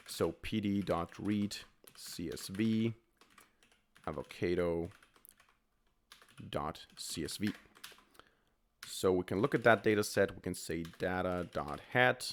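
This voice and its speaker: A man with a cold, his voice a bit off, explaining step by step as he types code in a programming tutorial. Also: low-pitched. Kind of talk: screen-recorded coding tutorial.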